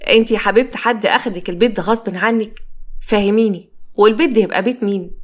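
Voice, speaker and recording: A brisk male police officer, voiced by a woman narrator who asks quick, probing questions with an Egyptian accent. He takes charge of the scene in a spoken storybook. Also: mid-range voice, close to an everyday voice. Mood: brisk, questioning.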